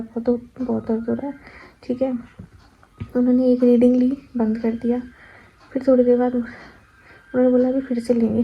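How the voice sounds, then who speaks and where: A young woman tells a personal story, acting out what she said at the time. Her voice is husky and a little high, and her pitch stays fairly level. The recording is slightly dull and lo-fi. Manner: animated retelling, acting out her own past cries. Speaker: vlogger. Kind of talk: casual storytelling vlog.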